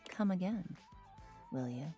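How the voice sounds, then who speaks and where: A woman voicing a lustful, doting female game character with a breathy, sultry delivery. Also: on the low side, lively intonation, measured pace, mellow, faint music behind.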